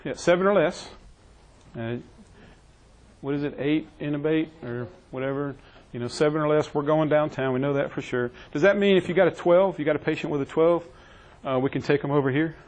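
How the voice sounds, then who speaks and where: A man's voice: on the high side, brisk, a little mellow, highs cut off. A man teaching a classroom EMS training session, quizzing his trainees and joking with them. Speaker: EMS instructor.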